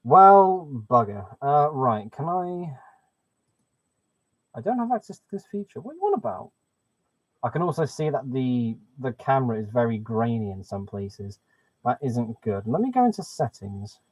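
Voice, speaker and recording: A medium-pitched male voice with big pitch swings moves at a moderate pace through casual live-stream chat, thinking aloud while he adjusts settings. Heard through a webcam mic, the dry, dull recording is muffled and hollow, like someone talking down a pipe.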